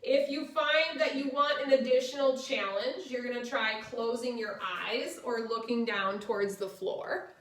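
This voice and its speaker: Woman teaching chair yoga, kinda high voice, step by step cues, far from the mic. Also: unhurried, a bit bright. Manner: instructional, short step-by-step cues. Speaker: yoga instructor. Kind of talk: guided chair yoga class with relaxation cues. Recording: echoey room, distant microphone.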